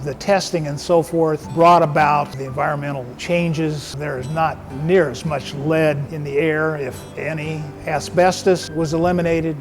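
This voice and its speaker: A man's voice: on the high side, fairly even intonation, measured pace, hardly any pauses, rough recording. A man giving an informal, explanatory promotional narration as a car expert. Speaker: car expert presenting a restored muscle car. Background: music behind the voice.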